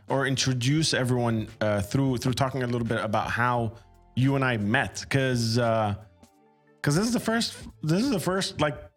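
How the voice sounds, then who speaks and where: Guy hosting a chill interview podcast, kinda stumbles and repeats himself, mid voice, music in there. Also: mid-range voice. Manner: halting, repeats words while phrasing questions. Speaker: podcast host. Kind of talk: casual chat interview.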